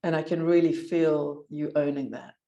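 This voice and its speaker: A woman with a low, mellow voice coaches a client in an encouraging, direct way. Her delivery is measured and unhurried, and a slight tremble from the cold runs through it. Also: little pitch movement. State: voice shaking from cold. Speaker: recovery coach. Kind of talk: coaching call.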